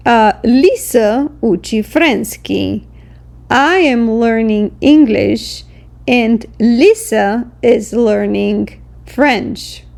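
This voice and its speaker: A woman teaching a recorded language lesson, explaining slowly and carefully with example sentences. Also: fairly high pitch, vocal fry, mellow.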